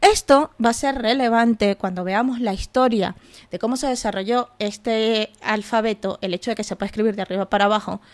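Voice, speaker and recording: A woman's voice: on the high side, fairly quick. A woman hosting a podcast, explaining step by step in a casual way with asides and rhetorical questions. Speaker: podcast host.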